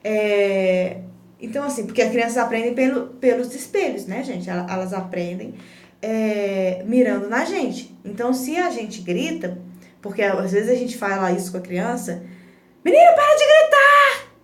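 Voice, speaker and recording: A woman's voice: mid-range voice, normal speed, a little mellow, far from the mic. A woman giving an earnest, explanatory parenting talk in a casual live stream, often restarting her phrases. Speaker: parenting educator. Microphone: phone. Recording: roomy echo, phone held back from the speaker.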